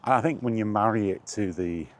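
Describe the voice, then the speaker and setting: With a lowish voice at normal speed, a British man vlogs in a rambling, casual way, not shy about blunt opinions or a bit of mild swearing.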